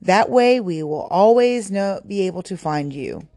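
A woman voicing a kind, motherly female rabbit in a children's story, speaking in a gentle, caring tone. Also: medium pitch, expressive, measured pace, dry recording, clean studio sound.

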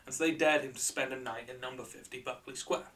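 Man, very bright voice, curious science host, joking conversational storytelling, a little far from the mic. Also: medium pitch, fairly even intonation, fast talker. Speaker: podcast and radio show host. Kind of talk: light-hearted conversational storytelling.

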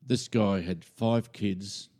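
A man's voice: lowish voice, takes it slowly. An older Australian man telling a personal story in casual chat and acting out the people he quotes. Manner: animated storyteller who acts out quoted voices. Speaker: podcast guest, retired minister.

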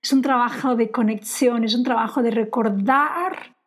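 A woman's voice: on the high side, normal speed. A woman hosting a podcast as a coach for women entrepreneurs, talking in an earnest, encouraging way and repeating phrases for emphasis. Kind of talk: motivational podcast monologue.

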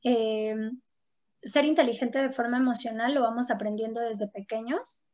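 Female psychologist, high voice, talkative, lo-fi sound. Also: normal speed, darkish tone. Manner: talkative, acts out quoted voices, frequent "¿no?". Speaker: psychologist guest. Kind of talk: conversational explanation with anecdotes. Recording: dull lo-fi sound.

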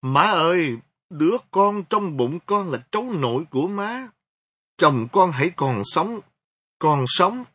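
A man's voice: a little high, animated, slow pace, fairly bright tone, breathy edge, no room sound, pitched above the performer's own voice, exaggerated voice. A man doing a pleading young pregnant woman. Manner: tearful pleading. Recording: dull lo-fi recording.

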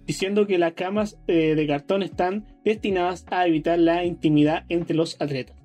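A man's voice: high-pitched, fairly even intonation, moderate pace, warm tone, faint music behind. A young man with a Chilean accent reading news items aloud in a casual comedic chat, stumbling over names and swearing. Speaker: podcast co-host reading news.

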